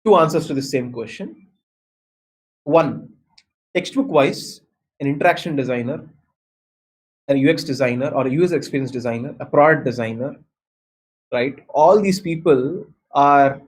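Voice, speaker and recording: Higher-voiced Indian man explaining as a mentor. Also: unhurried, long pauses. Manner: emphatic, repetitive, often checks with "right?". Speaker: workshop speaker, design mentor. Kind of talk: explanatory talk answering questions.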